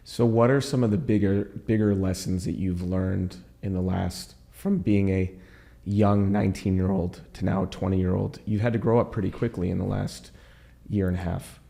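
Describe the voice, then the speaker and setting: A man's voice: deep voice, steady tone, moderate pace, vocal fry, mellow, roomy sound. A man hosting an interview show as a rabbi, probing and stacking several questions at once. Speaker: podcast host, rabbi.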